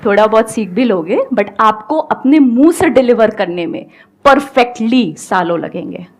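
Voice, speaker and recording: A woman's voice: on the high side, animated, normal speed. Emphatic woman with an Indian accent. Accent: Indian English. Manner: emphatic, mixes Hindi and English. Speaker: guest speaker. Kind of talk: motivational talk on a stage show.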